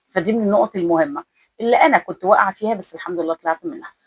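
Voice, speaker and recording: A woman's voice: fairly low pitch, breathy edge. A woman in her thirties with an Egyptian accent, earnestly giving advice to women viewers in a casual vlog. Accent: Egyptian Arabic. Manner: earnest, repetitive, speaks straight to the listener. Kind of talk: casual motivational talk to the viewer.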